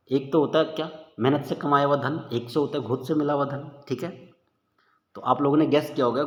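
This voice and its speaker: A man teaching a casual exam-prep lesson, chatty and informal, calling listeners "bhai" and thinking aloud as he works through the questions. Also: medium pitch. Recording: echoey room with long reverb, dull lo-fi sound.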